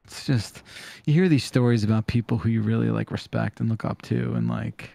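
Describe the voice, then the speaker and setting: A man's voice: fairly low pitch, huge pitch swings, fairly quick, vocal fry, warm tone, no echo. A man co-hosting a podcast in casual chat, dry and sarcastic, close on the microphone. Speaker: podcast co-host. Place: indoor room on a video call.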